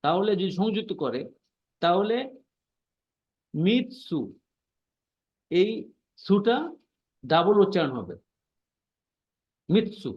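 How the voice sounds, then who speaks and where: High-voiced patient male language teacher. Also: lively intonation, normal speed, pauses often, dull audio. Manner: patient, repeats points and checks understanding. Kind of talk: online class explaining pronunciation.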